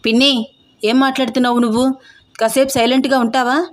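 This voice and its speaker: A woman's voice: high voice, flat delivery, brisk, natural voice. A woman voicing an earnest young man, frustrated and pleading with his family. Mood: exasperated.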